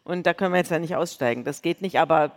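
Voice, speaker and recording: A woman, co-hosting a live podcast with quick, teasing banter. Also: low-pitched. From Munich, Germany. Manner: chatty, quick-witted, teasing. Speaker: podcast co-host. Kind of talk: live podcast stage chat. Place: large concert hall before an audience. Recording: hall reverb from a live stage.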